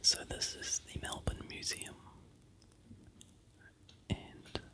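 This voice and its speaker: Here a New Zealander, a vlogger with the accent of home, walks listeners through travel slides in a quiet, even whisper that stays soft and relaxed throughout.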